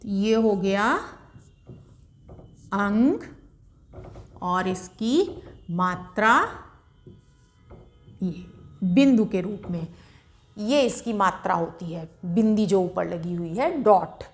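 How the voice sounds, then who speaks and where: A woman's voice: medium pitch, drawn-out words, pauses often. A woman teaching beginners to read at a board, patiently sounding out syllables and repeating them for learners. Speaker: Hindi literacy teacher. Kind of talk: slow board lesson for beginners.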